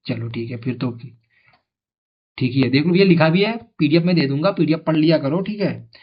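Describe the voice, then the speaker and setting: A man's voice: a little high, a little fast, husky. A male tutor giving an exam coaching lesson in a chatty way, asking his students questions and repeating the answers. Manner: calls viewers brother. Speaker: teacher. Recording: dull lo-fi sound.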